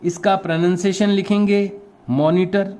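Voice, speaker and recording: A man's voice: high-pitched, level tone, moderate pace, warm tone. A male teacher with a Rajasthani Hindi accent, giving a classroom lesson to young pupils, patiently explaining and spelling words out letter by letter. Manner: explains patiently and repeats terms.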